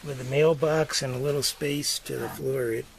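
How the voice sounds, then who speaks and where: An older man giving a casual do-it-yourself demonstration inside a small greenhouse, talking in an unhurried, folksy way full of fillers. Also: medium pitch, fairly even intonation, gravelly. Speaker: homesteader showing his build. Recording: noisy camera audio.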